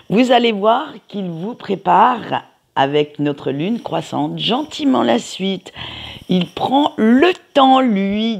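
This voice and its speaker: Slightly high gravelly guy doing a casual tarot reading, lots of asides and fillers. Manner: chatty, with frequent fillers and asides. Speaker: tarot reader.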